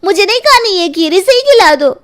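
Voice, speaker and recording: A woman's voice: very high voice, animated, a little fast, a bit bright. A woman voicing a sulky, whiny eight-year-old girl in a cartoon storybook.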